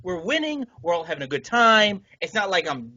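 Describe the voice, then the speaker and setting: High-voiced man venting on a podcast. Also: very animated, brisk, bright, forceful tone, no room sound, lo-fi sound. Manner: indignant, profane venting. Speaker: podcast co-host. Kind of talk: casual podcast chat.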